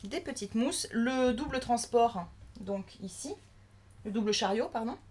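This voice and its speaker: A woman's voice: on the high side, animated, measured pace, a little mellow, slight background noise. A woman from France giving casual, chatty unboxing commentary, thinking aloud as she handles a new crafting machine. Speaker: crafting vlogger.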